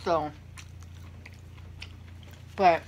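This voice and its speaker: A woman's voice: drawn-out words, darkish tone, highs cut off. A young adult woman chatting casually to viewers while she eats, rambling through anecdotes with self-deprecating asides. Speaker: vlogger hosting a mukbang. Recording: clear background room noise.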